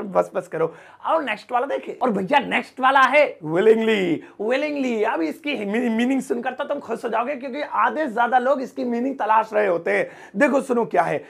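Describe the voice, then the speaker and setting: A male teacher runs a playful vocabulary lesson, joking and acting out little everyday scenes. His voice sits fairly high and has a gravelly, husky edge. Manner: joking, chatty, acts out everyday example lines. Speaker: English teacher.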